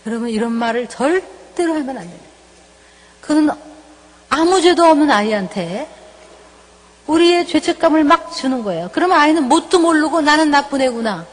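A middle-aged woman professor giving a parenting lecture, lively and acting out parent and child lines in shifting voices. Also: sits high, moderate pace, long pauses. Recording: lecture hall with long reverb.

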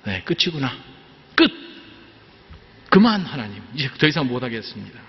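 A man's voice: mid-range voice, sing-song, moderate pace, in a large hall, lo-fi sound. A man voicing a weary aged male prophet who pleads with God to be released from his burden, in an exasperated, pleading way.

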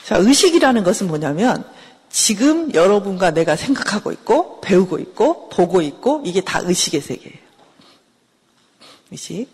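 A woman's voice: mid-range voice, sing-song, normal speed, darkish tone, slightly rough, long reverb tail. A middle-aged woman professor giving a conversational counseling lecture, often asking her listeners questions. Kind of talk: classroom lecture.

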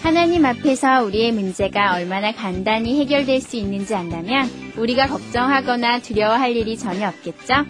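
A woman hosting a scripted radio language lesson, explaining patiently and reading example sentences slowly. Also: on the high side, expressive, over music. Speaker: radio English teacher and host.

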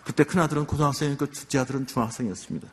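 An older man, a church elder, gives a heartfelt testimony, telling his story earnestly with many pauses. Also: mid-range voice. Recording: long hall reverb.

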